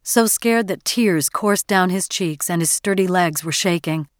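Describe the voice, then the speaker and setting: A woman narrating an audiobook in a measured, even storytelling manner, close to the mic. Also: fairly low pitch, dry recording. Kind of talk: scripted narration.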